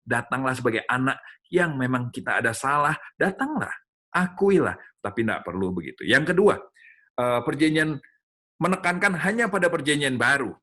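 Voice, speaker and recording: A middle-aged man preaches a teaching talk to a church gathering, his tone bright and forward. He speaks animatedly, turning to address his listeners directly as he explains. His pitch sits in a middle range for a man. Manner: animated, addresses listeners as "saudara", acts out dialogue with his child. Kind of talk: sermon-style teaching talk.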